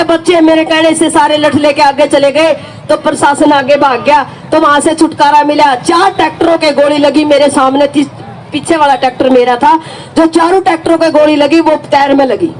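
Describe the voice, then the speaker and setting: This high-pitched middle-aged woman, a farmer protest supporter from Haryana, India, carries a Haryanvi accent. The audio is poor, with a faint hiss or hum. Her first-person story of joining a protest is emphatic, and her voice climbs to shouting at moments in the retelling.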